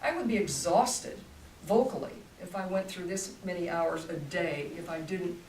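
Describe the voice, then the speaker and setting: An older voice teacher explains technique in a masterclass, coaching demonstratively and talking in bursts. Her voice is on the low side and darkish, at a moderate pace, heard from a distance in a roomy space with a faint hum.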